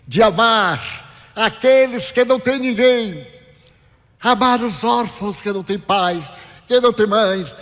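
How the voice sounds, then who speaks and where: Brief: male spiritual speaker with a Bahian accent, theatrical storyteller, animated delivery, recorded with long reverb in a lecture hall. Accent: Brazilian Portuguese, Bahian. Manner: dramatic storyteller with big swings in pitch and loudness.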